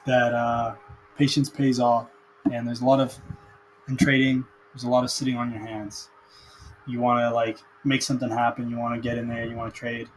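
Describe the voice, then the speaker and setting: A man's voice: medium pitch, low-quality recording. Young male vlogger, casual and worn out, hesitant delivery, webcam audio with a faint hum. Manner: hesitant, many fillers and restarts. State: mentally tired. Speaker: aspiring day trader vlogger. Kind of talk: casual screen-share commentary.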